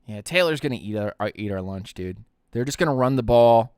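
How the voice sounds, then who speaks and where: A young man hosting a live stream, giving excitable play-by-play commentary as he watches a football game. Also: medium pitch, fairly quick, clear, resonant tone, dry recording, studio quality. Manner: excitable play-by-play, rising loud on big plays.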